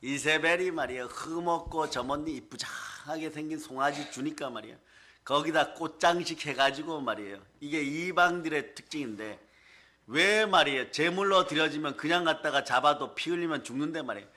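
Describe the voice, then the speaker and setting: A man's voice: a little high, moderate pace, sharp tone. A male pastor preaching a sermon in an emphatic, colloquial way, often asking the congregation for responses.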